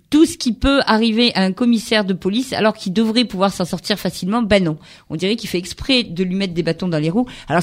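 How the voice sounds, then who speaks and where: A radio host leading a lively book chat, who often finishes the guest's sentences. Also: medium pitch.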